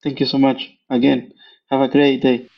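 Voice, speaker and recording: Earnest caller with a muffled sound. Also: male voice, mid-range voice, little pitch movement, creaky. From Peru. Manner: halting, many fillers, earnest and polite. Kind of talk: recorded voicemail question.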